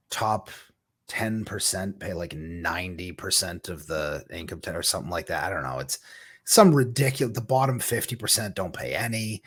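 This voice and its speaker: A man's voice: fairly low pitch, fairly bright tone, slightly rough. A man talking in a casual political chat, sarcastic and mocking. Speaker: co-host.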